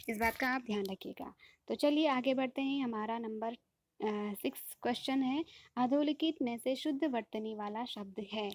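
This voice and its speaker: Woman online tutor, exam-prep lesson, patient and repetitive, a bit high-pitched. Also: a little mellow. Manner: patient, repeats "ठीक है?" after each point; addresses viewers as friends, explains rules step by step. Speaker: teacher.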